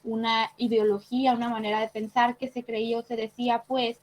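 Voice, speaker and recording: A woman's voice: fairly high pitch, little pitch movement, fairly quick, low-quality recording. A woman teaching an online class, explaining patiently and checking in with short tag questions. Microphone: computer mic on a video call.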